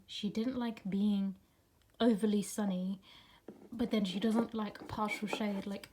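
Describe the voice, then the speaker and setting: A woman's voice: mid-range voice, dark tone, a little hiss or hum. A young woman chatting casually in a home plant vlog, rambling with lots of fillers and slipping into whispers. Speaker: plant vlogger. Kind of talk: casual chat. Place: home, indoors.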